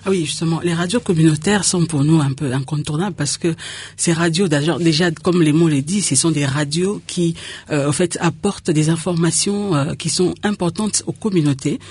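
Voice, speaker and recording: Husky woman, low voice. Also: normal speed, a little mellow. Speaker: radio community liaison officer. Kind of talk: conversational radio interview.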